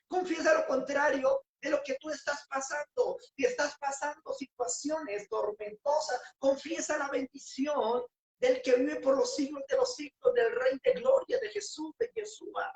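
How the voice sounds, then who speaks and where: A woman preaching a sermon with passion, rising to shouts on key phrases. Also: sits high, measured pace, roomy sound.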